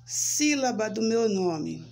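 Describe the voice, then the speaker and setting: Slow, patient Brazilian woman teacher. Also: mid-range voice, animated, darkish tone. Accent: Brazilian Portuguese. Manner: slow, spelling out syllables, frequent "né?" and "certo?". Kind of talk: children's lesson, slow and sing-song.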